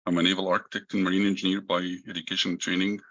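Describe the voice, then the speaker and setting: A middle-aged man from Egypt, a podcast guest, explaining his career in a measured way with frequent restarts. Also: low voice, little pitch movement, fairly bright tone, dull audio. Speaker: guest, engineering executive. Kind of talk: interview answers.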